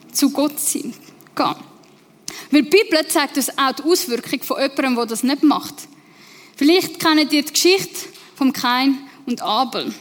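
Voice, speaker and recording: Woman preacher, Swiss German accent, high voice, conversational sermon, long hall reverb. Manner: lively, conversational, sometimes slowing for emphasis.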